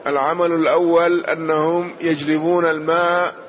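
A man teaching a hadith lesson, explaining each point in a measured way and often pausing on "na'am". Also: a little high, little pitch movement. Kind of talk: slow explanatory lesson commentary. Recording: dull lo-fi recording.

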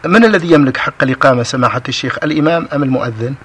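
A man's voice: medium pitch, rapid-fire, a bit bright, breathy edge. A man hosting a religious program, asking questions with deferential, formal address. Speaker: program host posing questions. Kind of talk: respectful question-and-answer.

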